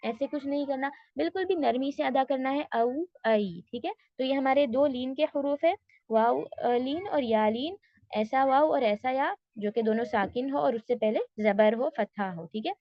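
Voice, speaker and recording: A woman teaching a tajweed class online, patiently explaining step by step and slowly modelling sounds. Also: sits high, dry recording, highs cut off.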